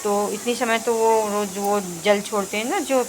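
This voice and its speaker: Flat-voiced woman narrating her home vlog. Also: medium pitch, normal speed, background noise. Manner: chatty, running commentary on home routine. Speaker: vlogger.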